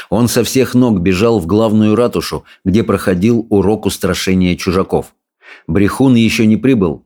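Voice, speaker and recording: A man narrating a children's storybook in a measured, storytelling way. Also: lowish voice, warm tone. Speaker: audiobook narrator. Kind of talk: scripted narration.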